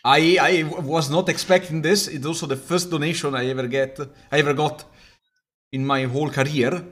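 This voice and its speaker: Streaming from a small home room, this young Italian man talks at a normal speed in a slightly high, somewhat bright voice with fairly even intonation. His casual, joking chat carries an Italian accent and frequent stumbles. He appears in webcam framing with headphones on.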